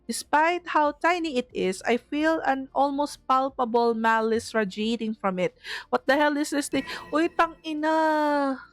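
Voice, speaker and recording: An excitable, easily startled woman with a Filipino accent, playing a horror game for viewers and reading its text aloud. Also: high-pitched, measured pace, no echo. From Philippines. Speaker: gaming streamer. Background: game music.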